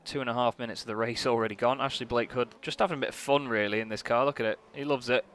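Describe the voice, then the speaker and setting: A man giving live sim racing commentary as a motorsport commentator, casual, chatty and excitable. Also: mid-range voice, fast talker. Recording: noisy, car engine sound behind. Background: racing car engines.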